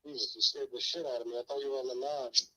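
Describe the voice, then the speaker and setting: A man's voice: mid-range voice, fairly even intonation, racing, bright, forceful tone. A middle-aged man calling in over a speakerphone, blunt and profane, his mouth numb from the dentist. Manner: blunt and profane, repeating himself. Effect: heard over a speakerphone. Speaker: caller. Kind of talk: casual call-in chat.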